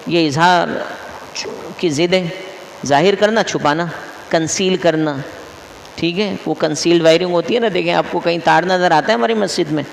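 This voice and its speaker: Man, mufti, classroom lesson, quizzes and repeats rules, gravelly, roomy echo. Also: a little high, a little hiss or hum. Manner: quizzes listeners, repeats each rule. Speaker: mufti teaching Quran recitation rules. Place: mosque hall. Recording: echoey hall with long reverb.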